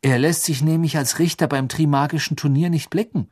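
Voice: mid-range voice, steady tone, brisk, a little mellow, natural voice. A narrator voicing a curious, kind teenage boy who talks in a plain, friendly way. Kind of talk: audiobook character voice.

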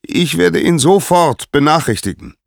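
Chirpy sun god, high and eager, gravelly edge, man doing the voice, dry sound. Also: animated, a little slow, dry recording. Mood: eager, obliging. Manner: chirpy, obliging, repeats himself.

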